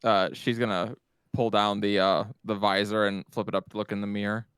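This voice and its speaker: A man's voice: lowish voice, little pitch movement, fairly quick, a bit bright, smooth, no room sound, clean studio sound. Wry man playing a tabletop game. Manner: wry, reacting with dread. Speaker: player.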